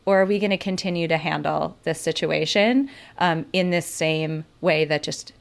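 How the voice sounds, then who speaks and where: A young woman hosting a podcast, talking fast and eagerly in casual chat with her guest. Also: low-pitched, gravelly. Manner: quick, energetic, filler-heavy talk. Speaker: podcast host.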